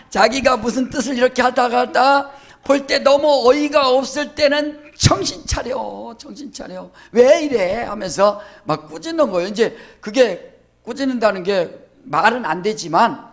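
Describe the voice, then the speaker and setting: A pastor delivers an animated sermon in a high voice that leaps up and down. His tone is gravelly, with a rough fry at the ends of phrases. He acts out the words of others and keeps turning to the congregation with questions. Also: normal speed. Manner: animated preaching, acts out quoted speech, asks the congregation questions.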